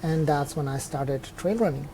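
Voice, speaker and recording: A man's voice: fairly high pitch, normal speed, dark tone, slight background noise. A young man from Mexico, a trail runner guest in a casual interview, talking openly and reflectively with restarts as he thinks. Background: faint chatter of people nearby.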